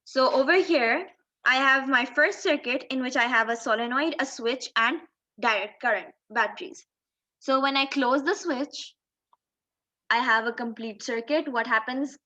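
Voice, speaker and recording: This physics teacher talks at a measured pace in a high, pushed, bright voice. She explains in tutorial fashion, taking it one step at a time and raising questions for the listener. Audio comes through a dull lo-fi microphone.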